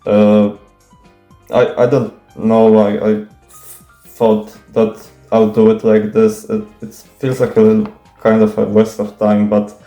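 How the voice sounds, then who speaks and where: A young native Polish speaker nervously fields viewer questions in an unscripted Q&A monologue, stuttering, restarting, using lots of fillers, swearing casually, and sounding self-conscious. His voice is low-ish and mellow, delivered completely flat and slowly. The room echoes and faint music plays.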